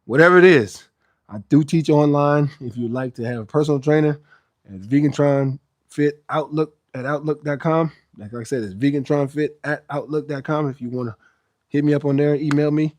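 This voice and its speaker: A man with a fairly high voice hosts a live workout stream, talking between sets of pull-ups. He chats casually as a trainer and repeats phrases to drive them home. The sound is dry and close, with little room to it. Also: moderate pace, dry recording. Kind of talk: casual livestream chat with viewers. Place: outdoors under a roof.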